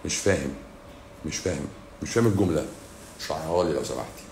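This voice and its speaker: A man's voice: rumbling low, fast, darkish tone, reverberant, a little hiss or hum. A man with an Egyptian Arabic accent, a doctor hosting a livestream who answers viewer comments in a blunt, sarcastic, scolding way.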